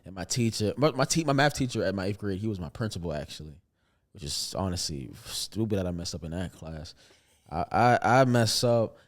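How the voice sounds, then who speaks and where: A young man with a fairly low voice tells stories on a podcast as a comedian guest. He talks in a loose, joking way, trailing off and starting again, and slips into playful voices for the people in his stories. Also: fairly quick. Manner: animated, joking storyteller, trails off often. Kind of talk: casual storytelling interview.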